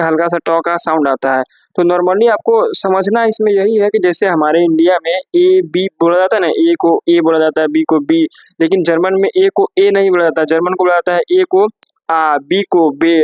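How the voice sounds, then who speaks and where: High-voiced man teaching letters slowly. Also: no echo, poor audio. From India. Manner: repetitive, drills letters slowly one by one. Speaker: German language teacher. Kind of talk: casual spoken lesson.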